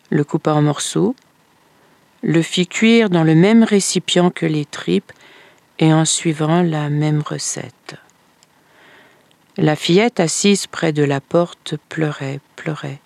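A woman narrates a folktale slowly and expressively, letting each phrase land. Her voice has a gravelly texture, and the recording is close and dry. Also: deep voice, no echo. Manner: slow, expressive storytelling. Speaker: storyteller.

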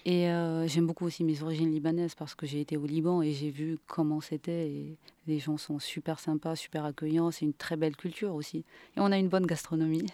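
Woman, from Guinea, interview guest, calm measured talk, mellow tone, dry sound. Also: low-pitched, no room sound. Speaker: guest artist. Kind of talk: casual conversational interview.

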